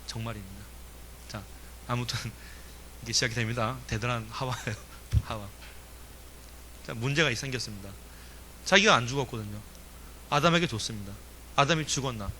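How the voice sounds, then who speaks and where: A male pastor preaches with a bright, forceful voice that swings between loud emphasis and soft asides. He asks his listeners questions and chuckles now and then. Faint hiss runs under the recording. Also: mid-range voice, moderate pace, long pauses. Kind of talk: sermon.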